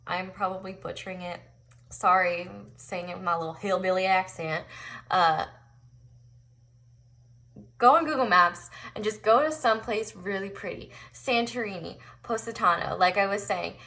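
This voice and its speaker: A woman's voice: mid-range voice, moderate pace, gravelly, sharp tone. A woman giving a casual, chatty tarot reading to viewers in an encouraging, conversational way. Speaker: tarot reader hosting an online pick-a-card reading. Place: indoors at a tabletop, overhead camera on the cards.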